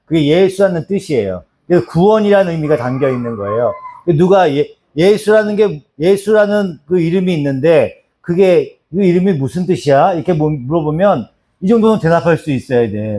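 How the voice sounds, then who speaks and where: A man's voice: a little high, expressive, moderate pace, few pauses, mellow, slight background noise. A man teaching a church Bible lesson, repeating key phrases and calling on listeners by name to answer. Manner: repetitive, drills answers and calls on people by name. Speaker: pastor teaching doctrine. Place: small church.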